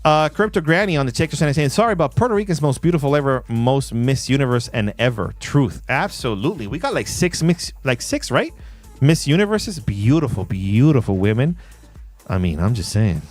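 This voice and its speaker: A man hosting a casual livestream, playful and laughing often while he reads chat shout-outs. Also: mid-range voice, big pitch swings, a little fast, faint music behind. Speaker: livestream host. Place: in Puerto Rico.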